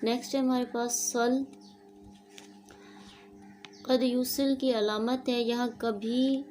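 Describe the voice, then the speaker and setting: A woman teaching an online Quran lesson, explaining step by step in a steady teaching manner and slipping in English words. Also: a little high, slight background noise.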